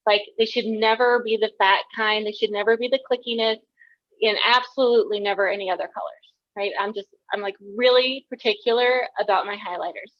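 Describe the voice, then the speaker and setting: A woman's voice: a little high, no echo. Woman in her thirties, candid speaker telling personal stories, dry close recording with a slightly dull sound. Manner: chatty and candid, many fillers, personal storytelling. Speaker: counselor giving a talk. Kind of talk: conversational presentation.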